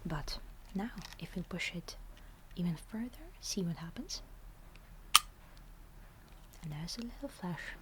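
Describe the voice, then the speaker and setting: A woman's voice: on the low side, expressive, slow pace, pauses often, very noisy. A woman whispering through an ASMR show-and-tell of a camera, hesitant and often searching for the right word. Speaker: ASMR host.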